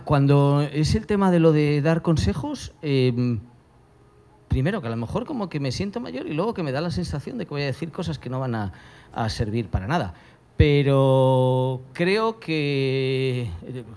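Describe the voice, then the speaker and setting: A man speaking as a journalist on a panel, thoughtful and self-deprecating, with hesitant pauses. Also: a little high, darkish tone. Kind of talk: panel talk.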